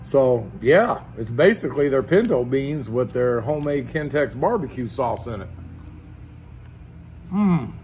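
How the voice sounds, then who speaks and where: A man's voice: mid-range voice, animated, measured pace, a little mellow. A man hosting a casual food review vlog at a restaurant table, folksy and chatty, laughing between bites. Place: restaurant dining room. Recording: faint background noise in a restaurant.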